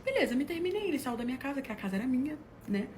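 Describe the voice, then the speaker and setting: A woman's voice: high voice, rapid-fire, a little hiss or hum. A woman from Brazil telling comic personal stories in a casual way, laughing and acting out what people said. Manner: animated, laughs at her own story, acts out quotes. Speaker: storyteller.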